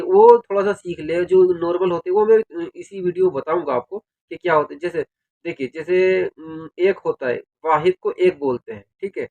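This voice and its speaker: A man with a noticeably high voice talks to his viewers in a relaxed, chatty way. He explains things step by step and keeps checking in with "theek hai". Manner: conversational, fillers like "theek hai" and "yaar", addresses viewers directly. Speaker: video creator giving advice on working in Saudi Arabia. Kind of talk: casual explainer.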